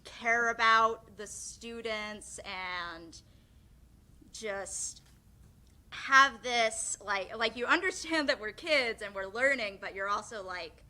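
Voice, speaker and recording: A woman's voice: on the high side, slow pace, sharp tone. A young woman giving a nervous, giggly, rambling farewell speech as a graduating theatre student.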